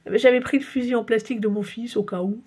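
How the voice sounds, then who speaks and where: A woman voicing a jumpy, blustering father in a storybook reading, loud and flustered. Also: on the high side, steady tone, fast, breathy edge.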